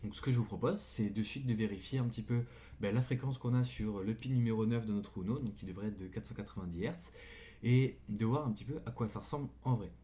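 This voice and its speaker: A man's voice: lowish voice, fast talker, dark tone, a little hiss or hum. A man giving a casual electronics tutorial, talking in a slangy, informal way with jokey asides while he handles his gear. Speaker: tutorial presenter.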